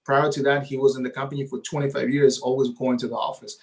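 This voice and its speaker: A realtor whose first language is Spanish talks as a guest in a casual interview, eager and long-winded, often checking in with "right?". His middle-pitched voice is level, quick and a little mellow, with an easy, conversational tone.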